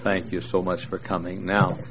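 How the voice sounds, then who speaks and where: This visiting preacher, a man in his sixties, has a low-pitched voice with little pitch movement and a moderate pace. He jokes with a large congregation in a folksy manner, using many fillers, as a crowd murmurs in the background of the large church. Sound quality is dull and lo-fi, with a faint hiss of noise.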